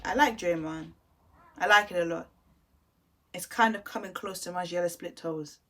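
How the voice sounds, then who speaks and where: A woman's voice: on the low side, normal speed, a bit bright. A woman giving casual album reaction commentary, chatty and enthusiastic, thinking aloud as she talks. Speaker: music reviewer.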